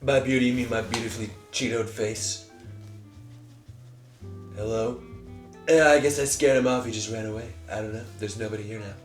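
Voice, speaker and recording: A man's voice: lowish voice, normal speed, long pauses, close to an everyday voice. A man voicing a crude, boastful, pompous man in improv comedy. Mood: brash. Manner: brash, bragging. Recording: echoey room, faint music.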